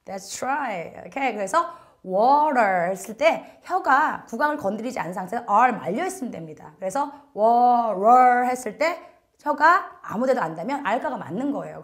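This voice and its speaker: A woman instructor giving a recorded English listening lecture, chatting to her students and filling pauses with little prompts. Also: a little high, fairly bright tone. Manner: chatty, addresses students directly, frequent "자" fillers.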